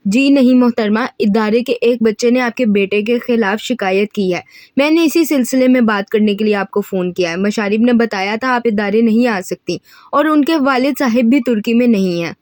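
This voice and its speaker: A woman's voice: fairly high pitch, a little mellow, dry recording, studio quality, natural voice. A woman voicing a stern, polite middle-aged male professor in an audiobook reading of a novel. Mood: formal. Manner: polite, formal, measured.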